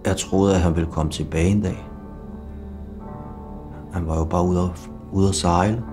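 A middle-aged man telling his own life story in a slow, blunt, confessional way, with bursts of swearing. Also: deep voice, level tone. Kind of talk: personal testimony narration. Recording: music playing behind.

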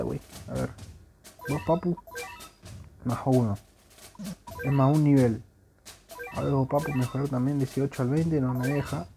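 A gravelly, mid-range voice belongs to a young man with an Argentine Spanish accent. As a gaming YouTuber, he comments on a video game with joking, crude slang.

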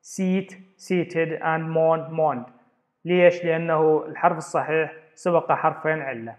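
A man's voice: a little high, fairly even intonation, unhurried. A man teaching an English grammar lesson, explaining step by step and repeating words as he goes. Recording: dull lo-fi recording.

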